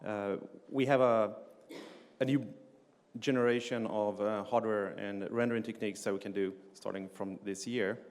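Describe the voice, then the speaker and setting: A middle-aged Swedish game engine developer gives a technical talk on a conference hall stage, with the long reverb of a lecture hall. His voice is lowish, steady and darkish at normal speed, and his plain explanations are full of "uh" fillers and restarts.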